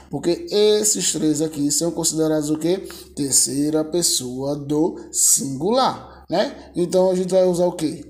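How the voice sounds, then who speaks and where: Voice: medium pitch, a little mellow. An English teacher with a Brazilian Portuguese accent giving a video lesson, patiently drilling verb lists and asking rhetorical questions.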